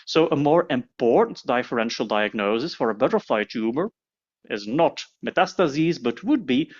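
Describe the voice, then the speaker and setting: A man giving a fast-paced medical lecture on radiology signs, talking quickly with frequent filler sounds. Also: medium pitch, muffled recording.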